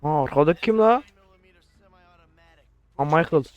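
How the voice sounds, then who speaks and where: A man's voice: on the high side, expressive, unhurried, no echo, lo-fi sound. A man giving crude, joking let's play commentary, swearing often and sounding baffled by what he plays. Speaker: gamer.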